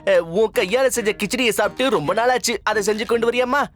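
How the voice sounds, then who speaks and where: An exasperated hungry son. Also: male voice, very high-pitched, fast talker, a bit bright, faint music behind. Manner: exasperated, complaining. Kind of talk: TV serial acting.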